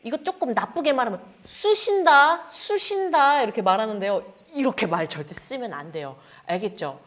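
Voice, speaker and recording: A woman teaching a lively Korean lesson, acting out sensations with sound words and calling her students friends. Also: mid-range voice, quick pace. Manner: animated, acts out feelings with sound words and gestures; addresses students as friends, frequent "자".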